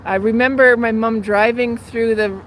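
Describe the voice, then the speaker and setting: With a somewhat high, slightly bright voice at a moderate pace and fairly even intonation, a woman in her fifties from Canada chats and rambles to viewers on a phone. She's walking through the city near traffic and train tracks and is a bit out of breath. The audio is poor, full of traffic noise.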